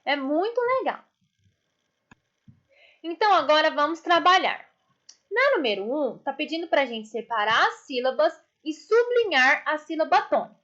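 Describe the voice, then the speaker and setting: A woman's voice: high-pitched, sing-song, moderate pace, fairly bright tone. A woman teaching an online class to young children in Brazilian Portuguese, explaining patiently and affectionately. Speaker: primary school teacher. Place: indoors, construction noise nearby. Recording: muffled lo-fi home recording.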